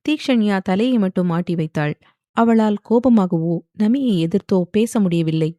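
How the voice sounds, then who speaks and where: A woman reading a romance audio novel in steady storytelling narration. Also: mid-range voice, moderate pace, dry recording, studio quality. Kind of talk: scripted narration.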